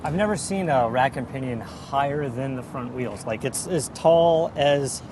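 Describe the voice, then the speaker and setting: A man's voice: medium pitch, a little slow. A man co-hosting a casual car show, making wry, sarcastic remarks outdoors. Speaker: co-host. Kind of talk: casual chat. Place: outdoors on a city street. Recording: outdoor recording with crowd noise.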